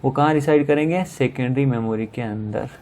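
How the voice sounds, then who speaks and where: Male tutor, mellow relaxed tone, methodical exam-prep explainer. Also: medium pitch, a little hiss or hum. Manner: explains step by step, asks and answers own questions; reads English questions slowly, explains in Hindi. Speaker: teacher. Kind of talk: online exam-prep lesson.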